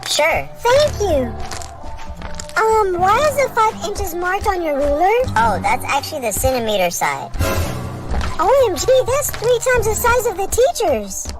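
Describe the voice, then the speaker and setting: Squeaky, lively woman acting out comedy skits. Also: measured pace. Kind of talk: comedy skit acting several roles. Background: background music.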